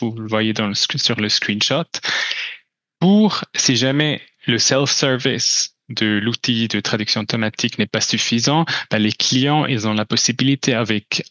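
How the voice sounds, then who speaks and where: A German-speaking Swiss man gives a company conference presentation with slides, faltering with frequent restarts and fillers. His voice is medium-pitched with a sharp tone. The audio sounds dull and has no room sound.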